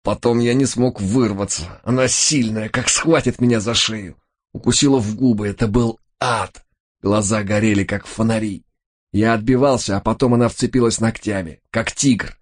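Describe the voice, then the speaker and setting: A man's voice: low-pitched, moderate pace, darkish tone, slightly rough. A man voicing a terrified, wounded male crook who wails and pleads frantically. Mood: fearful.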